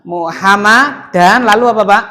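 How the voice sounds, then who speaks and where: A man's voice: sits high, a little slow, bright, forceful tone. Man teaching Arabic grammar. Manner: quizzing students with repeated "apa, Pak?" prompts. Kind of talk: classroom lesson with call and response.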